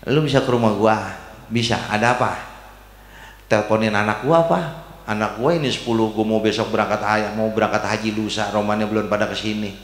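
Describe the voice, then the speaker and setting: A man's voice: fairly low pitch, fast, close to an everyday voice. A man voicing a chatty, fretful old grandmother who is about to leave on pilgrimage and talks in plain slang. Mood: pleading. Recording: echoey hall.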